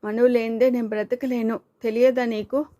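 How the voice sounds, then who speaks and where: A woman's voice: a little high, flat delivery, normal speed, warm tone, no echo, natural voice. A woman voicing Devika, a timid and tearful young woman in love, pleading and despairing in an audiobook reading.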